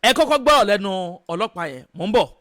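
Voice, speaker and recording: A man's voice: high-pitched, lively intonation, racing, pushed and bright, no room sound, studio quality. A man with a Nigerian accent presents opinionated news commentary, mixing in English phrases and firing off indignant rhetorical questions. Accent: Nigerian Yoruba-language accent. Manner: mixes English phrases into speech.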